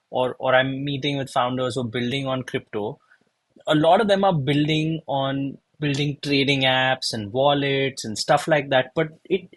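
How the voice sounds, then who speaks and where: Male podcast host, slightly higher voice, husky, rambling questioner. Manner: long, winding questions full of restarts. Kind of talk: asking interview questions.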